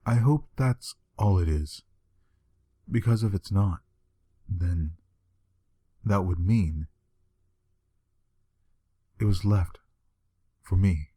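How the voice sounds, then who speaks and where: A man reading a horror story aloud in a measured, grim way. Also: sits low, warm tone, breathy edge. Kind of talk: scripted horror narration.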